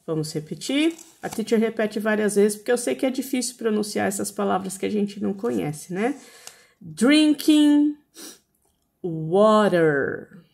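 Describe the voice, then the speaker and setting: A woman's voice: mid-range voice, a little fast, vocal fry, hardly any pauses, a little mellow. A woman with a Brazilian Portuguese accent teaches English words to young children. She talks patiently and repeats each word several times. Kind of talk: slow, drawn-out pronunciation drills for children.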